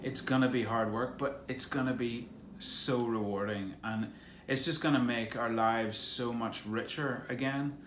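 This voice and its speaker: A man's voice: mid-range voice, steady tone, unhurried, hardly any pauses, a bit bright, echoey room, a little hiss or hum. A man co-hosting a casual vlog, talking in an encouraging, reflective way. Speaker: vlog co-host, actor.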